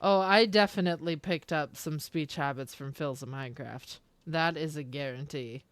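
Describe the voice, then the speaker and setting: A young Canadian woman with a deep voice streams a game and chats casually with her live chat, rambling, cutting herself off, and laughing a lot. Her accent is Canadian with a few British-sounding words, her pace is normal, and there's no room sound.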